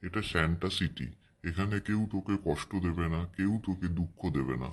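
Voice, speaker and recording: A man acts out a benevolent Santa from a cartoon tale. His voice is deep and low. He speaks in a fatherly, reassuring way, as if soothing an unhappy child. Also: a little fast, very noisy, natural voice. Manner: gentle, reassuring. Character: kindly, fatherly male Santa Claus comforting a child. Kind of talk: cartoon story dialogue.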